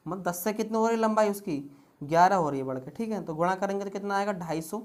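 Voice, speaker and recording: Woman doing exam math problems, keeps asking rhetorical questions, normal pitch voice. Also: fast, darkish tone. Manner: talks through each step with constant rhetorical questions. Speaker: math tutor. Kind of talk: exam-prep math lesson.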